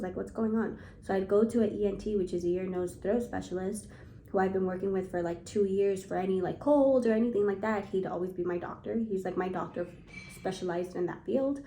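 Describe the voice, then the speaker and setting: A young woman chats to camera in a casual storytime vlog, her voice mellow and soft-edged. She keeps dropping "like" into her sentences as she relives an anxious moment. The room around her rings with a noticeable echo. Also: medium pitch, fairly quick, a little hiss or hum. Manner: anxious retelling, heavy use of "like". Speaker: vlogger. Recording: echoey room.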